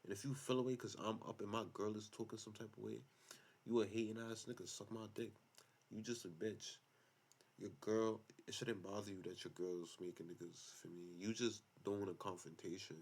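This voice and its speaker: A man's voice: on the low side, fairly even intonation, moderate pace, darkish tone. A man giving casual reaction commentary on online stories, blunt, slangy and profane.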